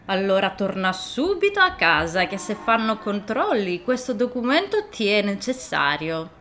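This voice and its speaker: A woman's voice: medium pitch, very animated, moderate pace, fairly bright tone, slight background noise. A cunning, impatient wolf from a storybook, as a woman reads him out, sly and coaxing with a voice that swings up and down. He keeps his voice near the reader's own, only a little put on. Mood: stern.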